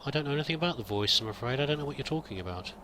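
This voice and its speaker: Over background noise, a man with a mid-range voice talks in an expressive, rapid-fire way. As a let's play roleplayer, he gives in-character commentary as a pilgrim, hesitantly musing and rambling aloud.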